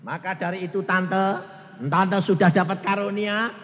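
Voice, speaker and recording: A male evangelist tells stories in a sermon. He is animated and swings between loud exclamations and low asides. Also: measured pace, muffled recording. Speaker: evangelist preacher. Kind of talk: storytelling sermon. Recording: long church hall reverb.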